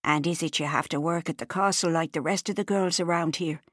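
A woman's voice: deep voice, a little fast, no echo, clean studio sound. A woman reading an audiobook, voicing a kindly, chatty old traveller woman, homely and motherly.

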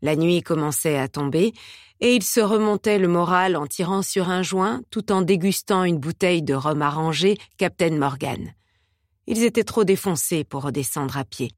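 A woman narrating an audiobook in a measured, steady reading style. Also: fairly low pitch, dry recording, studio quality.

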